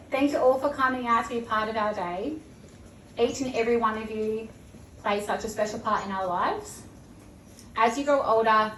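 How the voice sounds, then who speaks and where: A woman's voice: medium pitch, a bit bright, slight background noise. A young woman, the bride, giving an earnest, grateful wedding speech. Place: wedding reception room. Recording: echoey hall.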